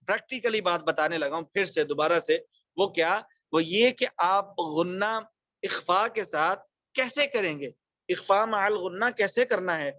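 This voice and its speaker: A man teaching a Quran recitation lesson online, explaining rules quickly and then reciting example words slowly and drawn out. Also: high voice, a bit bright, dry recording, highs cut off.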